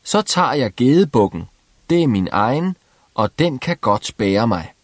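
A man voicing a cheerful, simple-minded young peasant who shouts merrily. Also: mid-range voice, very animated, dry recording. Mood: eager.

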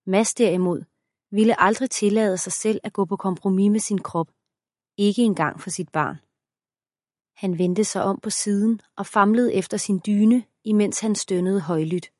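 A woman reading an erotic audiobook as narrator in a steady, even voice. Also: mid-range voice, dry recording, clean studio sound. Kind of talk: scripted narration.

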